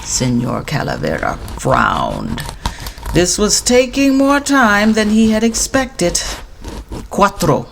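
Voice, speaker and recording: A woman narrating a storybook trickster tale with dramatic, deliberate emphasis. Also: medium pitch, sing-song, gravelly, slight background noise.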